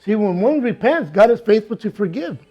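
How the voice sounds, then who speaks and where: High-voiced man preaching in two languages. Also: expressive, slightly rough, muffled recording, faint music behind. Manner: says each line in Spanish, then repeats it in English; reads scripture aloud, slowing for emphasis. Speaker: pastor. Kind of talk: bilingual sermon.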